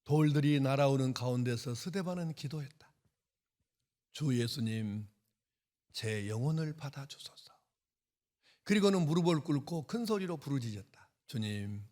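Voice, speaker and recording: A man pastor preaching a sermon, emphatic and passionate, swinging from loud to hushed. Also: medium pitch, expressive, normal speed, pauses often.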